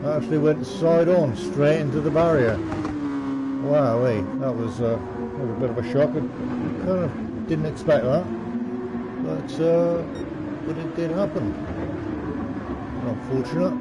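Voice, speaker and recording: Guy casually commentating a sim race, slightly high voice, rambles and repeats himself, really loud car noise. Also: measured pace, pauses often. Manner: hesitant, rambling, repeats phrases. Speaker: commentator of an online sim racing league. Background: racing car noise.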